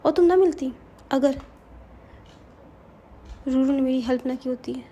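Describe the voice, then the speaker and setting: A woman voicing the ghost of a murdered young woman who pleads softly and stammers. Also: high-pitched, a little slow. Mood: pleading.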